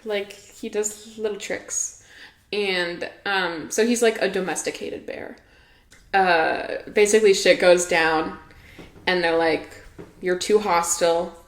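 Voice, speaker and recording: A woman's voice: on the low side, steady tone, takes it slowly. A young woman hosting a podcast, chatting casually and giggling, with lots of filler words. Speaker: podcast host. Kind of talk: casual chat. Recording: echoey room.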